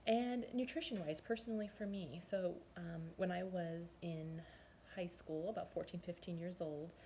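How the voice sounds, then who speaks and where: A woman in her forties from Southern California, a nutrition and fitness coach giving a chatty, earnest personal testimonial and often pausing to recall details. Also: lowish voice, mellow, a little hiss or hum. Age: 40s.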